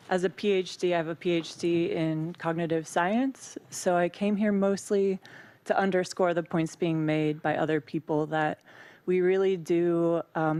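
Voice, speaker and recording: A woman's voice: lowish voice, darkish tone, smooth, no room sound. A woman speaking off the cuff at a city council public comment, hesitant and full of ums. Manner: hesitant, many ums and uhs.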